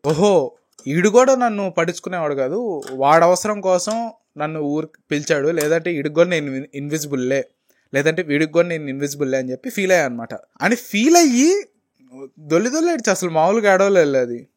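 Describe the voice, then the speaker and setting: A young man in his twenties with a Telugu accent, telling a candid personal story as a vlogger and slipping English phrases into his talk. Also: on the high side. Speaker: motivational vlogger.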